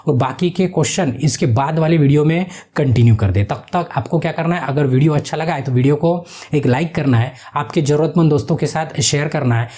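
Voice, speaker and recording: A man's voice: fairly high pitch, dark tone. A man teaching online, explaining exam quiz answers and repeating questions back to his viewers. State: sweating from heat.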